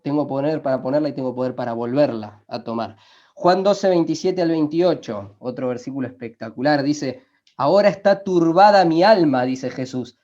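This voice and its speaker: A man preaching a sermon, emphatic, slowing down to quote scripture and asking his listeners rhetorical questions. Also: mid-range voice, mellow. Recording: dull lo-fi recording.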